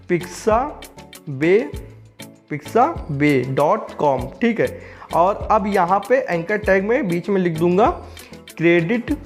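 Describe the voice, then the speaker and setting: A young man explaining a coding tutorial step by step, often checking in with the viewer as he works on screen. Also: high-pitched.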